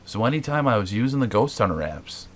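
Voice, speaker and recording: A man's voice: fairly low pitch, big pitch swings, quick pace. A man hosting a paranormal show, explaining casually to viewers with many fillers and restarts. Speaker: paranormal investigator host.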